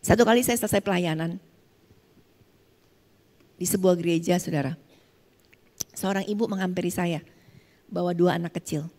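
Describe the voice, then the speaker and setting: A woman's voice: lowish voice, moderate pace, long pauses, warm tone. A woman preacher giving a sermon, telling stories and acting out the dialogue while she calls her listeners "saudara". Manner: storytelling, acts out quoted dialogue, addresses congregation as "saudara". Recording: long hall reverb.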